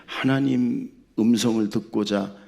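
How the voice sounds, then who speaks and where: A male pastor delivers a Sunday sermon in a church. His voice sits at a middle pitch with a gravelly edge. He swings from loud, emphatic exhortation to soft, low storytelling. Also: steady tone, unhurried. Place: church sanctuary.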